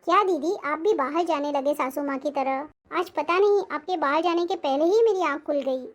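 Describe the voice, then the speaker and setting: An actress playing a lazy, sly young sister-in-law who sweet-talks and makes excuses, in a family drama. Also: female voice, high voice, normal speed, lightly acted. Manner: sweet-talking, making excuses. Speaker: actor.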